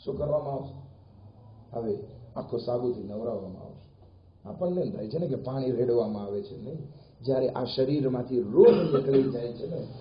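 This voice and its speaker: Man preaching in an echoey hall. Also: mid-range voice. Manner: animated storytelling with rising emphasis. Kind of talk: sermon. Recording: echoey hall, dull lo-fi sound, faint noise.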